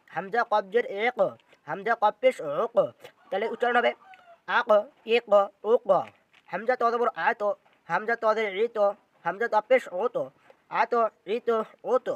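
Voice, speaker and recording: Man, teacher, high voice, syllable-by-syllable recitation lesson, slightly dull recording. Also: dry recording. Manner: spells out letters and syllables one by one, repeating them. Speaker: Quran reading teacher. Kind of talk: slow step-by-step recitation lesson.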